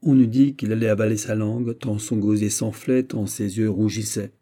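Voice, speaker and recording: A man with a French accent narrating a classic novel as an audiobook, measured and literary. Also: fairly low pitch, fairly even intonation, dark tone. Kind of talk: scripted narration.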